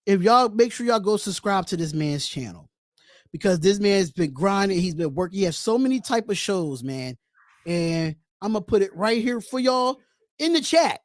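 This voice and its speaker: A man in his thirties co-hosting a casual sports podcast over a video call, relaxed and slangy as he reads chat comments aloud. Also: high-pitched, dry recording, clean studio sound. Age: 30s. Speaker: podcast co-host.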